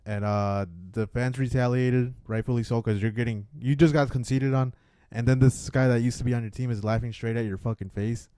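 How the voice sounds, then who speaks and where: A man with a dark, mellow voice chats about football on a podcast, loose and profane, tossing in "dude" as he goes. His voice sits in a middle register and is recorded dry and close. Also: medium pitch, fairly quick, few pauses, smooth, no echo. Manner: relaxed, swears casually, says "dude" often. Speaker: podcast co-host. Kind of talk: casual sports chat.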